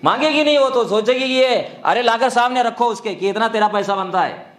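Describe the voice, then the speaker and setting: A man delivers a sermon, urging his listeners on and firing rhetorical questions at them. His voice sits high for a man. The recording carries a noticeable room echo. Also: a bit bright. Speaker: preacher.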